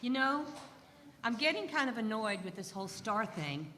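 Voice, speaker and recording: A woman's voice: on the high side, sing-song, moderate pace, bright, forceful tone. A woman playing a tired, skeptical villager who calls herself science-based, in a church skit, with a dry, mildly annoyed manner. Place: church sanctuary. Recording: reverberant church hall with crowd noise.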